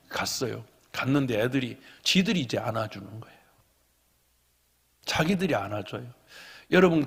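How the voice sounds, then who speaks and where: A middle-aged male pastor preaching a sermon, telling a story and swinging from soft whispers to loud exhortation. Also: fairly high pitch, creaky, breathy edge. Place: church sanctuary. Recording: long reverb of a church hall.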